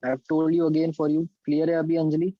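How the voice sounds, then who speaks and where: A man's voice: fairly high pitch, completely flat delivery, unhurried, dry recording, muffled recording. Indian man teaching maths online. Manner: explains step by step, checks in with students by name; mixes English terms into Hindi. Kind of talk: online class lesson.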